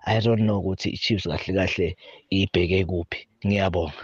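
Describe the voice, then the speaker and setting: A South African man speaks as a radio caller with a very deep voice. He repeats words as he forms his casual sports opinion. The sound is dry, dull and lo-fi. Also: fairly even intonation, a little fast, husky, no echo. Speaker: radio call-in listener. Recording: dull lo-fi call audio.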